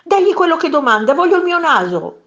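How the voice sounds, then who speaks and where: A woman voicing a panicked gentleman who has lost his nose, in a shrill, frantic shout while reading a children's story. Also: big pitch swings, fairly quick, highs cut off, heavily acted. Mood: desperate.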